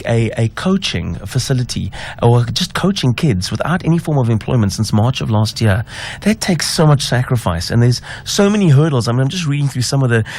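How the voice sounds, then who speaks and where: A man's voice: mid-range voice, a little mellow. A man hosting a radio interview, upbeat and encouraging toward his guests. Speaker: radio host. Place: radio studio.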